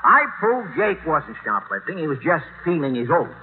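An actor playing an earnest, excitable small-town lawyer who tells jokes in old radio comedy patter. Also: male voice, a little high, normal speed. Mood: deadpan storytelling. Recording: tinny old radio recording with hiss.

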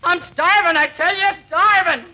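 An actor playing a starving, fussy old prospector in a melodramatic, plaintive radio comedy style. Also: male voice, very high-pitched, unhurried, pushed and bright, full character voice. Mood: desperate, pleading. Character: starving old male prospector lost in desert, fussy, whiny. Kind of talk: 1930s-40s radio comedy acting. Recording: noisy old radio recording.

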